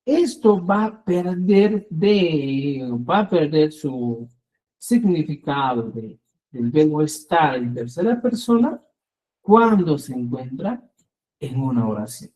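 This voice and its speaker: A man's voice: fairly high pitch, expressive, slow, a little mellow, poor audio. A man teaching an online language class, patiently explaining and often checking in with the students.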